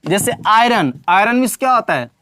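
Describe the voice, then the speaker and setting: A man's voice: high-pitched, sing-song, fairly quick, bright, forceful tone, smooth, no echo. A man teaching English grammar in a classroom lesson, repeating points and quizzing the viewer with questions, calling them brother and child.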